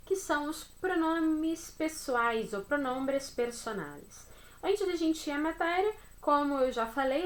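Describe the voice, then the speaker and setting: Chatty Brazilian woman teaching a class. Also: sits high. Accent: Brazilian Portuguese. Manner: chatty, friendly, checks in with "né?" and "beleza?". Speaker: Spanish teacher. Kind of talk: recorded online class over slides.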